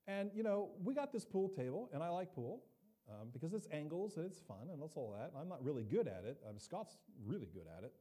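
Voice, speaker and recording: Lively, mellow-voiced man preaching. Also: fairly high pitch, a little fast. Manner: conversational, humorous, acts out quoted voices. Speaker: pastor. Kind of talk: sermon with personal storytelling.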